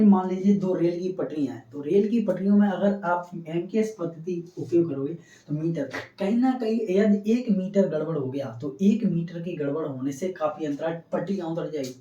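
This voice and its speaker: Here a man teaches science in a classroom lecture, his high-pitched voice carrying a dark tone. He raises questions, answers them himself, and repeats important terms. The room echoes and the microphone is distant and dull.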